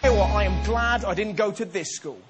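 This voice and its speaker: In a TV studio with a live audience, a man with a high voice hosts a comedy show, delivering a brisk, jokey stand-up monologue and putting on silly voices. Loud music, crowd noise, and audience laughter sit behind him.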